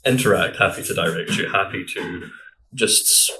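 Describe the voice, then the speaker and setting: A man's voice: sits low, moderate pace, sharp tone, a little hiss or hum, rough recording. A young man with a Glaswegian accent, rambling casually with lots of fillers as a mentorship volunteer. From Glasgow, Scotland. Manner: rambling, filler-heavy, laughs often. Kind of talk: casual interview answers.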